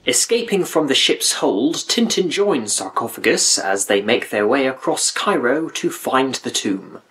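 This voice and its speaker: A man's voice: mid-range voice, fairly bright tone. Male narrator of a dry video review. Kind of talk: scripted narration, review commentary.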